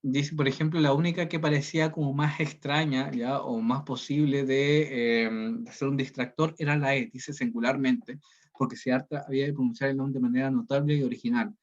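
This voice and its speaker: A man's voice: mid-range voice, steady tone, brisk. A male teacher, giving an online reading class and explaining each step, often checking in with the students. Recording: dull lo-fi sound.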